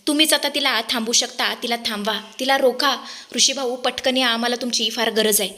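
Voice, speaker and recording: Woman reading a scared village guy begging for help, high bright voice. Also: fairly even intonation. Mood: panicked. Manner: urgent, hurried pleading. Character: frightened young village man, a loyal helper.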